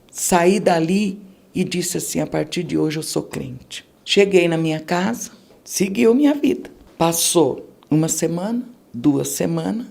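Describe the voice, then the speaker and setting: A woman's voice: low voice, vocal fry, darkish tone. A middle-aged woman with a Brazilian Portuguese accent gives an emotional religious testimony on a podcast, telling her story vividly and acting out the people in it. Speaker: podcast guest giving testimony.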